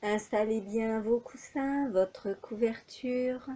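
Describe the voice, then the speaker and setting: In a fairly high voice, a female instructor leads a yoga nidra relaxation session, speaking in a measured, calm, and soothing way and leaving long pauses between instructions.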